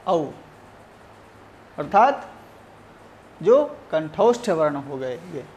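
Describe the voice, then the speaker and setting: Male teacher going slow through a sanskrit lesson, sounds out letters one by one, bit of faint noise behind. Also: sits high, a little mellow. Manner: measured, explains each sound and spells it out. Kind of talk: recorded classroom lesson.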